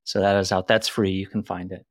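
A man's voice: deep voice, level tone, a little fast, dry recording, studio quality. A man speaking as a podcast guest in casual chat, wry and self-deprecating. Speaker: podcast guest, game designer.

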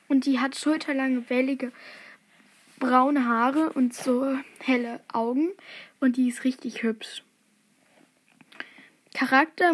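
High-voiced, excitable young woman. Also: slightly rough. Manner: excitable, giggly, drops to whispers. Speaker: quiz taker reading aloud. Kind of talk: casual chat, reading a quiz and story aloud.

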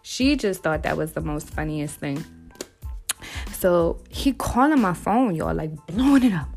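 A young woman casually telling a wild story to her listeners, animated and swearing freely, calling them y'all. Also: lowish voice, unhurried, soft background music.

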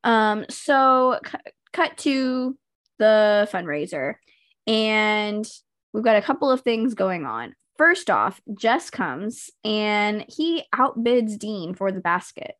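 A woman's voice: medium pitch, big pitch swings, takes it slowly, fairly bright tone, no room sound, clean studio sound. A woman hosting a podcast, recapping TV episodes in a chatty, rambling way, full of ums and likes. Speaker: podcast host.

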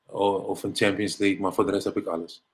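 Dutch ex-pro baller telling locker-room stories. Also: male voice, low-pitched, quick pace. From Netherlands. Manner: animated anecdotes, mimics others in English quotes. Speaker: guest, former pro basketball player. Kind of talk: casual storytelling interview.

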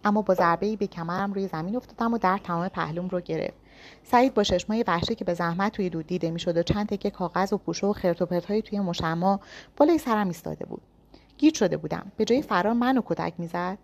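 A woman reading a first-person thriller story aloud with tense, dramatic storytelling. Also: on the low side. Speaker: narrator.

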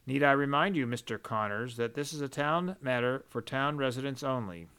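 A short, round male mayor full of his own importance, every sentence padded with formal officialese. A man reads him aloud, his tone smooth and resonant. The storybook voice sits in a middle register, only a little raised. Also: mid-range voice, moderate pace, fairly bright tone, close to an everyday voice. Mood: pompous. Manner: formal, long-winded officialese.

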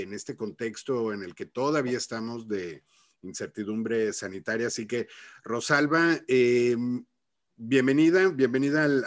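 A man hosting a conversational interview podcast, speaking in halting phrases and often repeating words as he goes. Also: mid-range voice, dry recording, clean studio sound. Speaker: podcast host.

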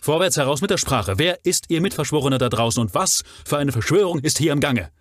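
A man's voice: on the high side, expressive, fast, dry recording, clean studio sound, voice pushed up. A man reading aloud, voicing a stern male nobleman who angrily commands and interrogates his servant. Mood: angry. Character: stern indignant male nobleman, master of the house.

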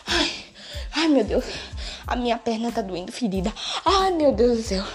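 A woman voicing a panicky young schoolboy in pain, pleading with whiny, drawn-out wails over faint music. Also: a little high, wildly swooping pitch. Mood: desperate.

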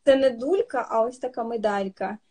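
High, breathy woman teaching patiently. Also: normal speed, mellow. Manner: patient, explains with many fillers and restarts. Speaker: sign language teacher, guest. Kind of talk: casual teaching chat.

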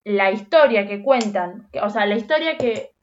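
A woman with a Rioplatense Spanish accent, co-hosting a podcast in casual chat. She tells stories in a blunt, slangy, animated way. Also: mid-range voice, normal speed, lo-fi sound. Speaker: podcast co-host.

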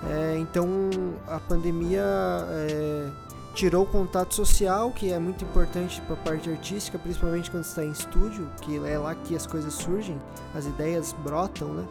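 A man from southern Brazil with a Brazilian accent, chatting casually and slangily as a podcast guest, thinking aloud in halting phrases. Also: fairly high pitch, steady tone, vocal fry, over music. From Rio Grande do Sul, Brazil. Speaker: podcast guest, drummer in an independent band.

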